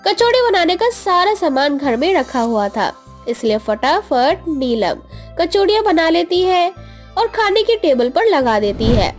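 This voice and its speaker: A woman narrating a cartoon story with an expressive, storybook delivery. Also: extremely high pitch, measured pace, soft background music.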